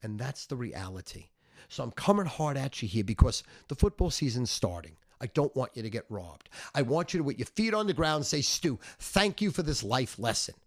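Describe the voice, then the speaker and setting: A middle-aged or older man ranting a sales pitch as a sports betting handicapper, smug, cocky, brash and foul-mouthed, with heavy emphasis. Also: big pitch swings, brisk.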